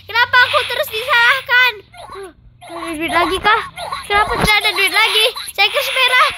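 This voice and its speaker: Someone doing a super squeaky panicky game kid, yelling oh no a lot, noisy game sounds behind. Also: a little fast. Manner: frantic, panicky exclamations. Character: Yuta, excitable young game character. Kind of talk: game role-play.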